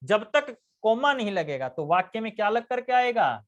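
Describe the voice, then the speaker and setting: A man's voice: sits high, big pitch swings, moderate pace. A man teaching a live grammar lesson, constantly quizzing his students with questions and answering them himself.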